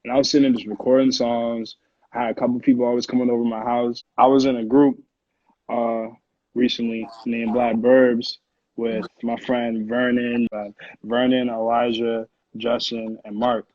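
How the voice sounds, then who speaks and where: A twentysomething American man from Connecticut, a music producer, chats as an interview guest using slang and profanity. His medium-pitched voice moves little in pitch and runs at normal speed. The audio is dull, roomy lo-fi call quality.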